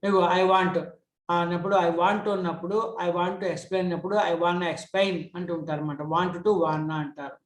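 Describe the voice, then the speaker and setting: Middle-aged telugu guy teaching english grammar, high voice, slow on the examples, quick on the explaining, echoey room. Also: fairly even intonation.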